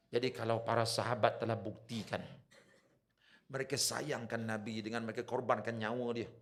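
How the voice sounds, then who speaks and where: A man's voice: mid-range voice, a bit bright. A man with a Malaysian Malay accent preaching in a village prayer hall, telling stories and asking the audience questions. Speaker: religious preacher. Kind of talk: storytelling sermon.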